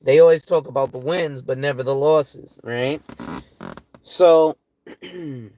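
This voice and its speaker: Reading through financial tips in a casual, profane way, this worn-out advisor in his forties keeps asking "right?". He speaks slowly in a slightly high, warm voice.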